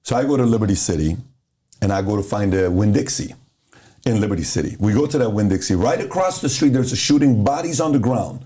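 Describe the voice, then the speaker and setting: Low-voiced man telling animated stories. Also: fast. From Iran. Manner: animated, acts out dialogue in stories. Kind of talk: motivational storytelling.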